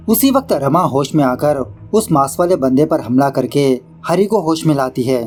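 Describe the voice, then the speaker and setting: Guy doing a movie recap, kinda high voice, brisk, faint music under it. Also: darkish tone. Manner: brisk storytelling with English words mixed in; quips at the film's director. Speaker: movie explainer. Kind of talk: casual Hindi movie recap narration.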